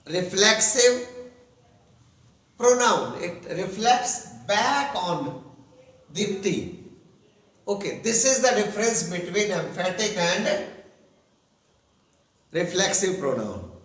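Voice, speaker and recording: A male teacher walks through a grammar lesson at a very slow, careful pace, repeating his examples. His voice sits high. He is recorded from a distance in an echoey room. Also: big pitch swings, a bit bright. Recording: echoey room, speaker away from mic.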